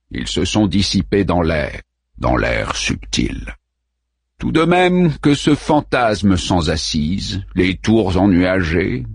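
A man voicing a solemn old male sage, declaiming slowly. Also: fairly low pitch, creaky, slightly rough, dry recording, studio quality, full character voice. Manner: solemn, declamatory verse reading.

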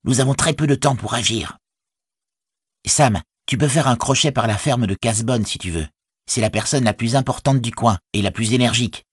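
A man's voice: medium pitch, normal speed, husky, no echo, studio quality, pitched above the performer's own voice, close to an everyday voice. A man doing an urgent, commanding young hobbit. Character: bold young male hobbit rallying his people. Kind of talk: audiobook reading.

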